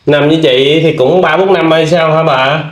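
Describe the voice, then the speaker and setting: A man hosting a video, gently questioning an older woman with many fillers. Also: a little high, fairly even intonation, normal speed, reverberant. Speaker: vlog host interviewing. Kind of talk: casual interview.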